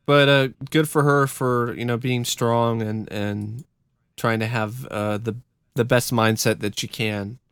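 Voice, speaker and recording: A man chats casually on a podcast at a slow, hesitant pace. His mid-pitched voice is smooth and clear, recorded dry with little room sound. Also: steady tone, a bit bright, no echo.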